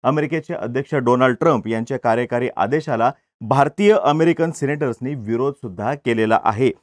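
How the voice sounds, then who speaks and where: A man's voice: medium pitch, a little fast, dry recording. Man explaining the news in a dry studio. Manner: steady explanatory delivery with occasional hesitation fillers.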